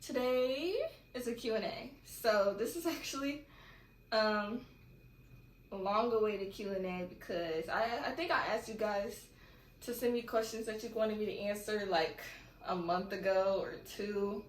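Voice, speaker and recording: With a medium pitch and a measured pace, a young Californian woman chats and rambles during an at-home Q&A vlog. The space echoes, and there's faint noise in the background.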